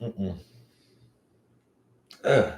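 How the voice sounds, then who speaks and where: He draws out his words in a slightly mellow voice. The speaker is a late-thirties livestream host chatting casually with viewers, joking about their comments and filling gaps with plenty of fillers, recorded with a roomy echo on a home stream mic.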